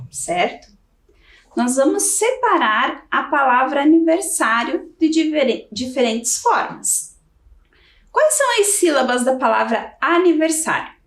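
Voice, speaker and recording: A Brazilian woman teaching a children's video lesson, giving patient step-by-step instructions. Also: fairly high pitch. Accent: Brazilian Portuguese. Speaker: primary school teacher. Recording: roomy, from off the mic.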